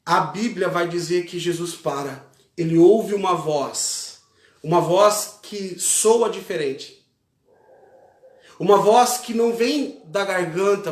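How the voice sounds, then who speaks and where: A man with a Brazilian Portuguese accent preaching a fervent sermon as a pastor, repeating key phrases with emphasis. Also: a little high. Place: church. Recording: echoey church hall.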